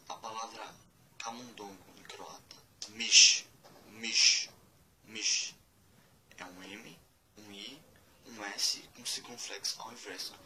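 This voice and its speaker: A man giving a casual spoken lesson, spelling out letters one by one and repeating words slowly. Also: on the low side, sharp tone, a little hiss or hum, low-quality recording. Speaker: language teacher.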